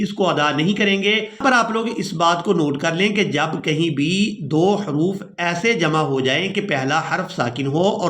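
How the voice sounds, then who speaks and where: A man teaching Quran recitation, explaining each rule briskly and spelling out letters one by one. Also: a little high, fairly bright tone. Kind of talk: step-by-step recitation lesson. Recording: echoey room.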